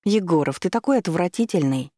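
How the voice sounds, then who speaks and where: A man voicing a spoiled, hysterical rich young woman who talks in a shrill, indignant way. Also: brisk, dark tone, dry recording, studio quality. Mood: sneering.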